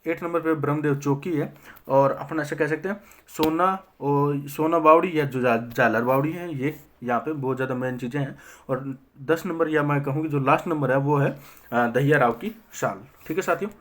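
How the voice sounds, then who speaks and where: A young man runs an exam-prep history lesson in a fairly high voice. He fires quick questions at himself, answers them, and keeps checking in with his listeners.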